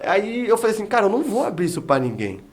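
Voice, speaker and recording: Brief: high-pitched male evangelist, podcast guest, dramatic storyteller acting out quotes. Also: very animated, fast. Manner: vivid storytelling that acts out remembered dialogue. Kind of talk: testimony in a podcast interview.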